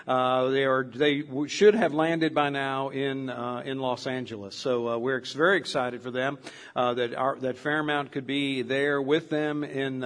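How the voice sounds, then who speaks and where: An older man preaching as a pastor, telling stories in a rambling, conversational way. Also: mid-range voice. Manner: rambling, with many fillers and restarts; storytelling, conversational. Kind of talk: sermon.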